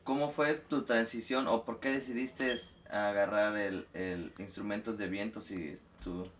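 A man's voice: fairly low pitch, fairly even intonation, measured pace, slight background noise. Upbeat man hosting. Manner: friendly, upbeat greeting. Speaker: host. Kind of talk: casual interview hosting.

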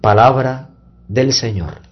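A man speaking as a priest at Mass, measured and deliberate, in solemn liturgical reading and preaching. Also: mid-range voice, lo-fi sound, a crowd in the background. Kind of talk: solemn Gospel reading and homily. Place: church Mass livestream.

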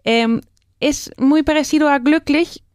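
A woman's voice: high voice, unhurried, no room sound, clean studio sound. A woman teaching German in a lesson dialogue, explaining patiently and often ending with a tag question.

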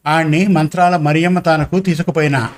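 Man reads an anxious village mother in a storybook, scolding and pleading, voice a touch high. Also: fairly even intonation, brisk, lightly acted. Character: poor village woman, a grieving, anxious mother.

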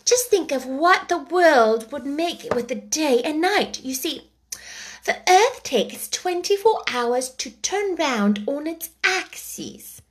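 A woman voicing a polite, anxious young girl in a storybook reading, lifting her voice high and earnest. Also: lively intonation, takes it slowly. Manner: earnest, rising to alarm.

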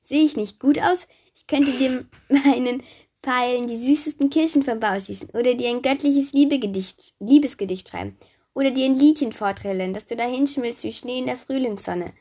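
A woman voicing the young male god Apollo, loud and boastful as he shows off. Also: high-pitched, normal speed, voice pushed up.

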